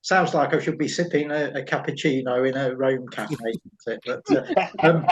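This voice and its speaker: A man's voice: medium pitch, moderate pace, a little hiss or hum. A middle-aged man with an East Midlands Derbyshire accent, discussing films casually in a hesitant, thoughtful, enthusiastic way, often repeating words as he builds a point. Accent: East Midlands English, Derbyshire. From Derbyshire, England. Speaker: film writer, podcast panellist.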